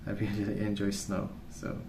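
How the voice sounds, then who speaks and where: This clip has an ASMR video creator, a man whose voice is on the low side, speaking quietly, calmly and gently at a slow pace while rambling in a casual storytelling way. The audio is roomy, with clear background noise.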